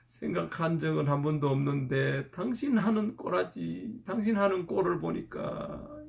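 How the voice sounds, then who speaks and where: Man voicing a distraught wife, wailing, gravelly edge, high voice. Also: normal speed. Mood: pleading, scolding. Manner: wailing, lamenting. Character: distraught middle-aged wife wailing and scolding.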